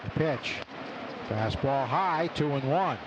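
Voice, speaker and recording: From a ballpark broadcast booth, a man calls live baseball play-by-play on the radio in clipped phrases with statistical asides, his medium-pitched voice expressive and slow. The live broadcast carries loud stadium noise, with clear ballpark ambience in the background.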